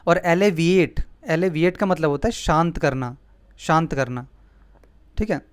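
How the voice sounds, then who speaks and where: A man's voice: fairly high pitch, a little slow, clean tone, dry recording. A man teaching vocabulary with memory tricks, explaining patiently and often checking with "ठीक है?". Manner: explanatory, repeats words, asks "ठीक है?". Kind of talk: mnemonic vocabulary lesson.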